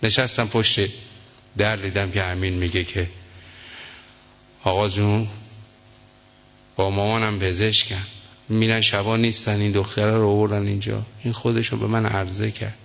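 Gravelly man preaching in an echoey hall. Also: on the low side, little pitch movement, long pauses, a bit bright. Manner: emotional storytelling, voicing the people in the story. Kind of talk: sermon storytelling. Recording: echoey hall, dull lo-fi sound.

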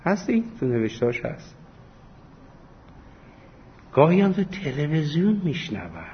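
A man's voice: a little high, very animated, breathy edge. A man giving a religious lesson, telling anecdotes full of quoted dialogue and small chuckles. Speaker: religious teacher. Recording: dull lo-fi recording with faint hiss.

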